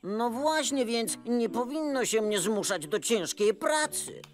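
A woman's voice: fairly high pitch, lively intonation, unhurried, soft background music. A woman voicing a timid, lazy young boy bee in a children's cartoon, anxious and whiny. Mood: reluctant. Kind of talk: animated children's cartoon dubbing.

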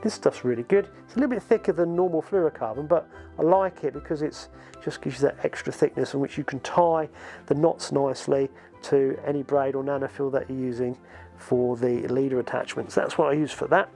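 Gravelly English man explaining fishing gear. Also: mid-range voice, brisk, soft background music. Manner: relaxed, chatty, explaining with hand gestures. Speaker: fishing channel host. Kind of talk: casual gear tutorial to camera. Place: small indoor home studio with shelves.

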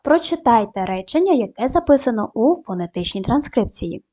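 A woman teaching a primary school video lesson, giving clear step-by-step instructions and spelling out sounds slowly with upbeat praise. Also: fairly high pitch, very animated, warm tone. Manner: clear, slow, syllable-by-syllable dictation; upbeat praise between tasks.

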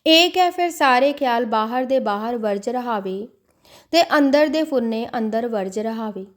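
A woman narrating a devotional audiobook in a measured storytelling manner. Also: on the high side, animated.

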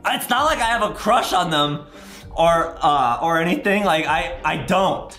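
He's a young adult American who hosts gaming videos, performing exaggerated, childlike gameplay narration for young viewers with lots of drama and repeated lines. His fairly high voice is expressive and unhurried yet pushed and bright, in a roomy indoor recording room with music playing.

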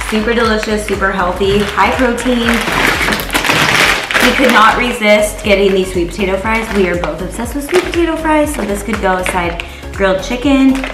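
A woman's voice: medium pitch, reverberant, far from the mic. A woman in her thirties vlogging cheerfully from her car and her kitchen on a phone held at arm's length. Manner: upbeat, chatty, enthusiastic. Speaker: lifestyle vlogger. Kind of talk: casual vlog talk. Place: car, then home kitchen.

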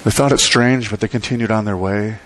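A middle-aged pastor preaching an animated sermon from a church pulpit, with dramatic pauses and sweeping gestures. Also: male voice, on the low side, slight background noise.

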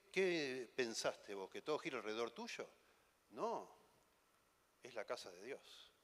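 A man's voice: mid-range voice, a bit bright. A man with an Argentine accent preaching a conference sermon, conversational and teasing, full of rhetorical questions. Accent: Argentine Spanish. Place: conference hall. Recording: long hall reverb.

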